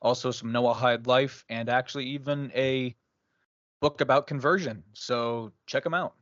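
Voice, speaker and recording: Laughing as he spins a story, this man hosts a religious discussion podcast in a conversational way. He has a mid-range, steady, fairly bright voice at normal speed, though the recording is dry and muffled.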